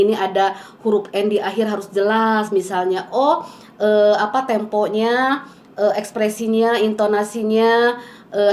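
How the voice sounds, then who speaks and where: A woman's voice: medium pitch, a little mellow, reverberant. A woman teaching how to read poetry aloud, explaining step by step with patient rhetorical questions and frequent "eh" fillers. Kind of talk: poetry reading lesson.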